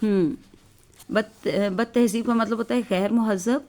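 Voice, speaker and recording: A woman with a Pakistani Urdu accent and a fairly high voice reads a stage play line by line. She pauses after each unusual word to explain it in plain terms, the way a teacher does in a lesson. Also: steady tone, warm tone. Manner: reads the lines, then stops to explain each hard word. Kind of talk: reading a play aloud and explaining word meanings.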